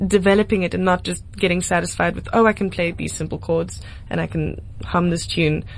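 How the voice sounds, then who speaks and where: A singer-songwriter in her twenties from Cape Town, with a South African accent, appears as a guest in a casual radio interview. She speaks earnestly and reflectively, in a brisk, fairly even, lowish voice. There's a little hiss or hum.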